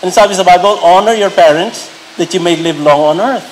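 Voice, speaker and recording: A middle-aged Filipino pastor preaching a sermon, mixing Tagalog and English and rising to emphatic peaks. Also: male voice, sits high, fairly quick, slight background noise, low-quality recording. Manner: switches between Tagalog and English, builds to raised emphatic peaks.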